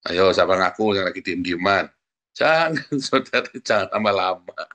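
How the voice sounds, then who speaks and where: Bright-voiced male pastor preaching. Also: deep voice, lively intonation, moderate pace. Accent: Indonesian. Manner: conversational and humorous, often adds "saudara ya" and laughs while telling a story. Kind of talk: sermon.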